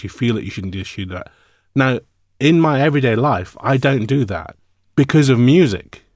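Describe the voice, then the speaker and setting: This is a man in his fifties, a musician guest in an interview, talking reflectively and animatedly and wandering through fillers. His voice is mid-range, with no room sound and a clean studio finish.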